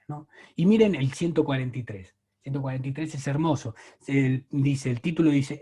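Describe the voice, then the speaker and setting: A man's voice: medium pitch, a little mellow, husky. A man with an Argentine accent, a catechist giving an emphatic preaching talk full of rhetorical questions. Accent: Argentine Spanish. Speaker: catechist leading a church workshop.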